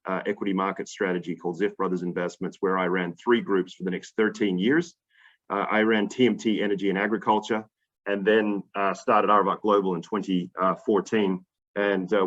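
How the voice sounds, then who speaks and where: An Australian man talks to a group of students over a video call. His voice sits fairly low and comes through a dull, lo-fi line. He speaks with emphatic energy, with many fillers and restarts. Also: a bit bright. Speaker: investor guest speaker.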